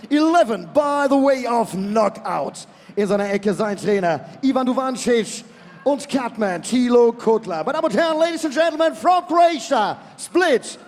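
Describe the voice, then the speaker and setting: High-voiced ring announcer in an echoing arena. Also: male voice. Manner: booming, drawn-out announcer calls. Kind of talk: bilingual boxing ring announcement. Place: boxing arena. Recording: long arena reverb.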